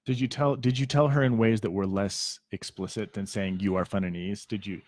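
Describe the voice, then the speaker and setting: A man with a lowish voice hosts a podcast interview, asking curious questions and rephrasing them as he thinks aloud. His voice sounds close and dry. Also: steady tone, fairly quick, a little mellow, dry recording. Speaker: podcast host.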